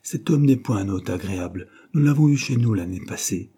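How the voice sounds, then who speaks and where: A man reading aloud voices a calm, kindly older woman who speaks in a soothing, measured way. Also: lowish voice, slightly rough.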